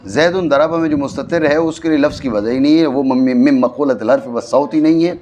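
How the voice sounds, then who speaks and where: A man with a Pakistani Urdu accent teaching a classroom grammar lesson, explaining slowly and often checking that his students follow. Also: mid-range voice, darkish tone, muffled recording. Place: madrasa classroom.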